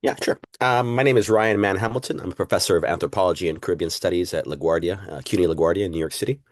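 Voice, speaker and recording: Man, very low voice, quick pace, from Puerto Rico, reflective interview guest, dry close sound. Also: dry recording. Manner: reflective, uses fillers and "right?". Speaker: guest historian. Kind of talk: casual interview talk.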